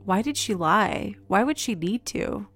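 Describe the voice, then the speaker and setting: A woman hosting a podcast, telling a story in measured, earnest scripted narration. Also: mid-range voice, expressive, a bit bright, slightly rough. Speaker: podcast host.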